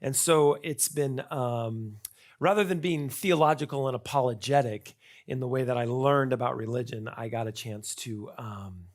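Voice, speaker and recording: A man's voice: medium pitch, normal speed. A man speaking at a conference in a conversational way, often asking the audience rhetorical questions. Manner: frequent fillers and restarts. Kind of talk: conference talk.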